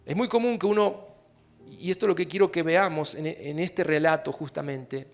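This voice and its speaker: A man preaching a sermon in an Argentine Spanish accent, addressing the congregation directly and moving between hushed and loud, impassioned passages. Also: fairly high pitch, moderate pace. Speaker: pastor.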